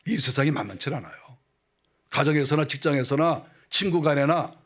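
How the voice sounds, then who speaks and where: A middle-aged male pastor preaching a sermon in a conversational way, dropping into a lower voice to act out mocking quotes. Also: a bit bright.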